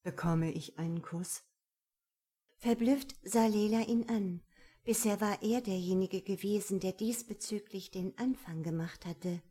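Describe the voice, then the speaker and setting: A woman reading a romance audiobook in a calm, measured, intimate manner. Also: mid-range voice, breathy edge. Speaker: narrator. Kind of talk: scripted audiobook narration.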